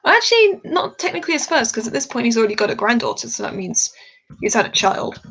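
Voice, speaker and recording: A woman's voice: a little high, animated, fast talker, a bit bright, husky, rough recording. A woman chatting casually on a live stream while she draws, a bit tired, rambling and laughing often.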